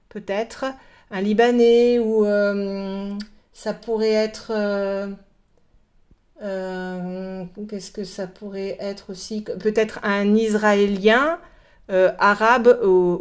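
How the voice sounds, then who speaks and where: A woman from France explaining a cartoon in a casual lesson, pausing often and hesitating between words. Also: mid-range voice, a little mellow, clear, resonant tone. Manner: hesitant, many pauses and fillers. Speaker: French teacher.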